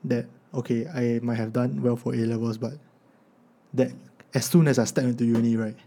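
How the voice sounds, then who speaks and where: A man's voice: medium pitch, level tone, moderate pace, dark tone, slight background noise. A man in his twenties with a Singaporean accent, giving casual advice in colloquial Singlish sprinkled with particles like lah and meh. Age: 20s. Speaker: podcast speaker, university student.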